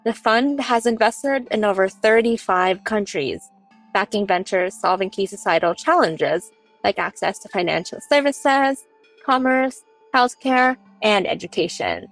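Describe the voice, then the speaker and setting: A woman announcer reading a guest's biography in even, scripted narration. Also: mid-range voice, measured pace, soft background music, low-quality recording.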